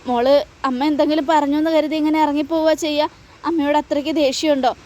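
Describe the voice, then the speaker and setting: Brief: woman voicing a worried mother consoling her daughter, high voice, gentle. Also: steady tone, fast talker, close to an everyday voice. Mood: imploring. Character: anxious loving mother of grown daughters.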